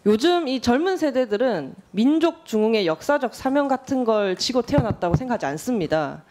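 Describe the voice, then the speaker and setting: A woman in her thirties, a lawmaker, questioning a nominee in a formal hearing room in a measured, pointed and direct way. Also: fairly high pitch, big pitch swings, a little mellow. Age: 30s.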